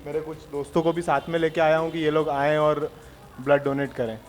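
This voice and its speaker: A man's voice: a little high, a little fast, slight background noise. Reassuring male blood donor. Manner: relaxed and reassuring, mixing English phrases. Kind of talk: interview answers. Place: blood donation camp.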